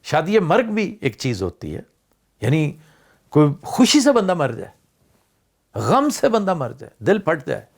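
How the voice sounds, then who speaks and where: A man's voice: a little high, gravelly. An older man, musing aloud as a vlog host in casual commentary and mixing in English words. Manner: discursive, rising and falling emphasis, mixes in English words.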